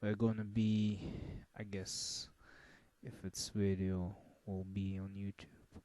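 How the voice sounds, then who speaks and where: A man giving a casual album review, halting and full of fillers and restarts. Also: on the low side, level tone, dark tone, dry recording. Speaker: music reviewer.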